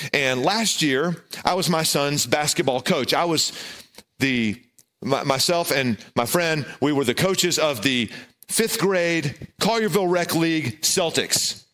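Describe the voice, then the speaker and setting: A middle-aged pastor preaches a sermon in a loud, medium-pitched voice, telling a humorous personal story at his own expense.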